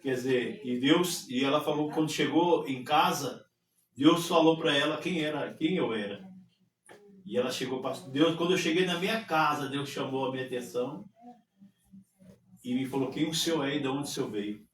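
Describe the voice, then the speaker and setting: A man's voice: mid-range voice, normal speed. A man, a pastor, telling a personal testimony in casual podcast talk and acting out the dialogue he quotes. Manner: storytelling, acts out quoted dialogue. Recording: roomy, distant mic, faint ambience.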